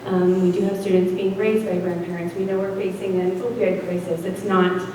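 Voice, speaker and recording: A woman's voice: on the low side, level tone, moderate pace. A woman who is a social worker giving an earnest public comment at a town meeting, with many ums. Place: school gym at a town meeting. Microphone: standing floor mic, far camera. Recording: echoey hall from far off with noise.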